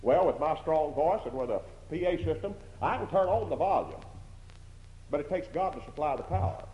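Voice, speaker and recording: Preaching a sermon in church, this strong-voiced man speaks briskly and expressively at a fairly high pitch, hammering home repeated phrases and rhetorical questions. It was captured as a dull, lo-fi recording in an echoey hall.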